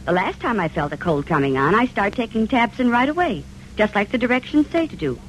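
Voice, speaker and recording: A woman's voice: on the high side, very animated, fairly quick, low-quality recording. A woman playing a relieved, satisfied customer in a chipper 1950s radio advertisement testimonial. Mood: pleased, relieved. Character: relieved, satisfied customer in a cold-remedy commercial. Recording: old radio broadcast, faint hum.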